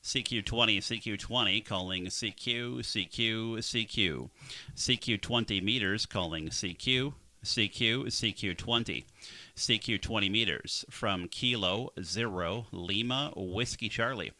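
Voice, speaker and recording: A man with a low, sharply bright voice makes a ham radio CQ call, spelling out a call sign letter by letter in the phonetic alphabet. His delivery is slow and repetitive, and it sounds close and dry. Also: no room sound. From Minnesota, USA. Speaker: ham radio operator hosting the stream. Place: home radio shack.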